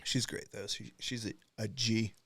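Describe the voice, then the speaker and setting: Telling meandering, foul-mouthed stories, a young man hosting a podcast chats casually and performs the quotes of others. He speaks at a measured pace in a lowish, fairly even voice that is a bit bright and slightly rough.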